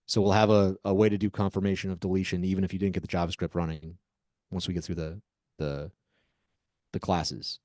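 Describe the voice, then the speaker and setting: A man teaching a live coding lesson as an instructor, dictating code word by word with deliberate pauses. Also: low-pitched, little pitch movement, a little mellow, dry recording, clean studio sound. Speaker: programming instructor.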